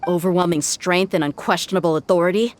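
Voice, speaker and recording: A woman's voice: lowish voice, fairly even intonation, fast talker, slight background noise, close to an everyday voice. An actress playing a tough, commanding young woman mercenary in a video game, speaking bluntly. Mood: confused, unsettled. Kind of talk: scripted game voice acting.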